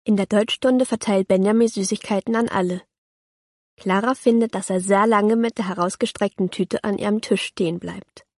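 A woman, reading a children's audiobook aloud in a calm, clear storytelling voice. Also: mid-range voice, normal speed, no echo, studio quality. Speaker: narrator.

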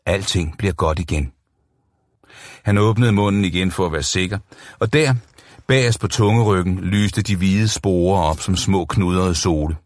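A man narrating a novel as an audiobook, in steady, even storytelling. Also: deep voice, dry recording, clean studio sound.

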